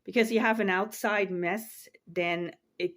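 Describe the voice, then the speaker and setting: A Swiss woman in her forties, an online reseller and vlogger, chats casually to camera from her home office, rambling and repeating words as she trails off. Her medium-pitched voice is steady, unhurried, and a bit bright.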